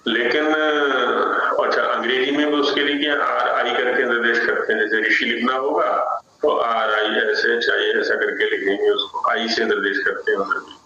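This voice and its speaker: A man's voice: medium pitch, steady tone, moderate pace, bright, forceful tone, very echoey, highs cut off, a little hiss or hum. A man teaching Sanskrit pronunciation in an online class, explaining patiently and often checking in with "है ना". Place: online class on a video call.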